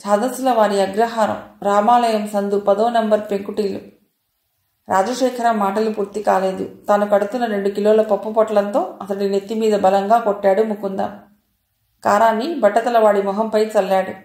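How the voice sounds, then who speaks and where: A woman reading a family drama novel aloud with steady, expressive storytelling. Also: medium pitch, moderate pace, reverberant. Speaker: audiobook narrator. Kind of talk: scripted narration of a novel.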